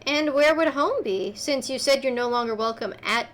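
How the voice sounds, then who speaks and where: Woman voicing a sweet cookie creature, high voice, lively pitch, polite, tabletop game. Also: normal speed. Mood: friendly.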